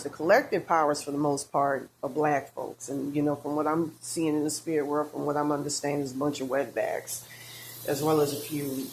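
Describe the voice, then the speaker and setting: A woman with a low-pitched voice talks in a loose, rambling monologue, stopping and restarting with many fillers. She sounds woozy and out of breath. A faint hiss sits under the recording. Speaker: tarot reader.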